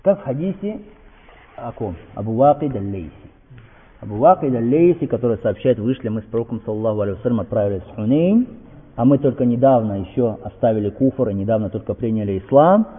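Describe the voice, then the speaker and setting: A man's voice: mid-range voice, expressive, quick pace, slightly rough. A man giving a religious lecture. He quotes Arabic passages, then explains them, and keeps checking in with rhetorical questions. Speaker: Islamic preacher. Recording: tinny lo-fi sound with long hall reverb.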